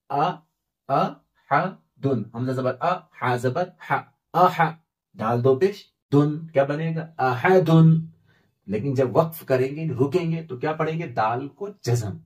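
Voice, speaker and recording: Male recitation teacher, unhurried and patient, mid-pitched voice, breaks words into letters and asks himself questions. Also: a little mellow. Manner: patient, spells out letters then recites words slowly and drawn out; asks and answers his own questions. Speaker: Quran reading teacher. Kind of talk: step-by-step recitation lesson.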